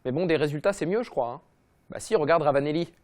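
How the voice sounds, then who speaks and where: A man hosting a comedy football show, ranting in a mocking, slangy, rapid-fire way. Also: on the high side, noisy background. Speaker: comedy football podcast host. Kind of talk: fast comic rant.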